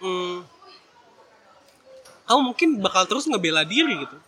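A man's voice: high voice, sing-song, normal speed, pushed and bright, a little hiss or hum. A man talking casually to his viewers, giving advice in a chatty, slangy way and slipping in English phrases.

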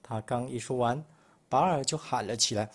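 A man from Malaysia reading a picture book aloud for children, expressive and clear in his storytelling. His voice is middle in pitch with a husky texture. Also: normal speed.

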